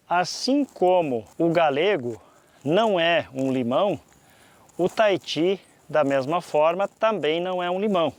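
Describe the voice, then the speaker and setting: A man with a southern Brazilian accent and a slightly high-pitched voice talks as a teacher would. He explains things to viewers deliberately, often pausing mid-sentence to find the next phrase. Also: darkish tone. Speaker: presenter of a fruit-growing lesson.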